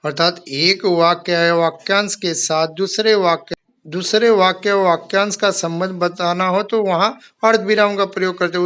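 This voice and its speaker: A male schoolteacher with a fairly high voice gives a patient grammar lesson to his pupils. He speaks to them as his children and works through each point step by step. He reads the example sentences out one by one. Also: a bit bright. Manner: addresses pupils kindly as "my children". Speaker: school teacher.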